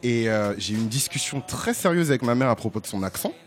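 A man on a panel telling personal stories in an animated way, with many restless restarts. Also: mid-range voice, quick pace, soft background music. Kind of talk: casual panel discussion.

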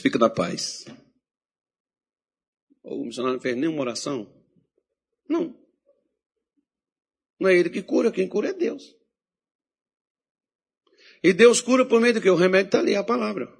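A pastor preaches in a lively storytelling manner, putting on voices for the people in his tale. His voice is a little husky and sits somewhat high for a man. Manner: animated preacher acting out quoted voices. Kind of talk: sermon with storytelling.

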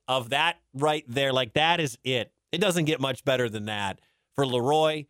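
A man's voice: mid-range voice, a bit bright, no echo, studio quality. A man hosting a sports radio show, telling stories in a chatty, casual way and laughing often. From Detroit, grew up in Wisconsin. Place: radio studio.

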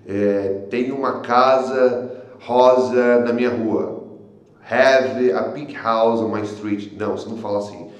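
A man with a Brazilian Portuguese accent teaching an online language lesson, often pausing on filler sounds and checking in with tag questions. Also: mid-range voice, heavy reverb, muffled recording. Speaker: English teacher.

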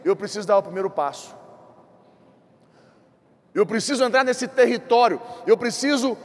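A man preaching a sermon as a bishop, with a Brazilian accent and an impassioned, repetitive style that rushes ahead and then slows for emphasis. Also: very high-pitched. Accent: Brazilian Portuguese. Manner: impassioned, repetitive preaching with quick bursts and slow emphatic drops. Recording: church hall with long reverb.

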